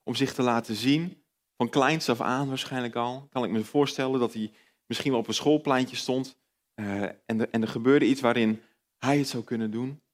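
A man preaching a sermon in a conversational way. He asks his listeners direct questions, rises and gets louder on emphatic points, and drops soft on reflective ones. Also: mid-range voice, fairly even intonation, normal speed.

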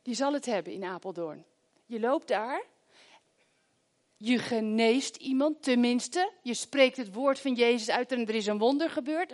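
Her pitch fairly high, a middle-aged woman delivers a sermon full of stories. She shifts vividly from quiet, whispered prayer to loud outbursts.

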